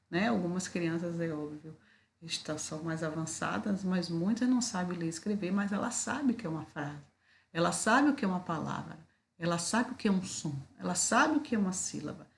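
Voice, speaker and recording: A woman teaching a recorded video lesson, speaking slowly and deliberately, with frequent fillers and rhetorical questions. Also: on the low side.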